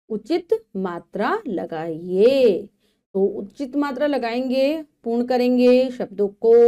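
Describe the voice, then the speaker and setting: Woman, teacher, children's phonics lesson, slow letter-by-letter spelling, soft warm tone. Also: on the high side. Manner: slow, deliberate letter-by-letter spelling, then quick explanations to children. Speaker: primary school Hindi teacher. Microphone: voice-over for a video lecture.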